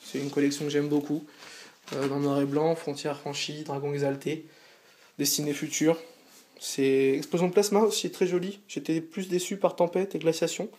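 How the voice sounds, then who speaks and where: A man's voice: on the high side, little pitch movement, normal speed, darkish tone. A tired man hosting a casual unboxing vlog from a small sofa indoors, talking eagerly and stopping often to hesitate. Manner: eager, chatty, frequent hesitations. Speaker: channel host.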